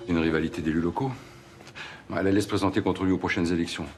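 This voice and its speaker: An actor playing a seasoned, stubborn police investigator in a TV crime drama, terse and understated with a deep, gravelly voice. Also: male voice, fairly even intonation, fast talker, darkish tone, lightly acted. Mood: matter-of-fact. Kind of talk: naturalistic TV crime drama acting. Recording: TV soundtrack with music underneath.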